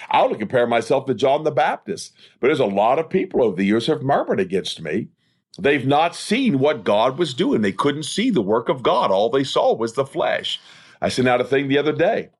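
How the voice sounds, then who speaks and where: A man with a fairly high, slightly rough voice preaches an expository sermon as an evangelist and podcast host. He is emphatic, leaning on repeated rhetorical phrases.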